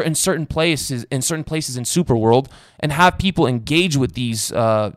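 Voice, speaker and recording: A man hosting a show from his apartment, talking straight to the viewers with excitement before bringing on his guest. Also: medium pitch, no echo. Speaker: podcast host. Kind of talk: enthusiastic tech interview intro.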